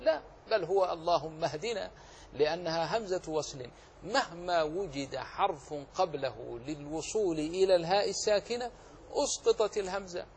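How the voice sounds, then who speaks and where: Guy teaching tajweed, voice a bit high, explains a rule then recites it right, light hiss. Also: normal speed. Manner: explains rules, then models the correct recitation. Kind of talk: tajweed lesson with recited examples.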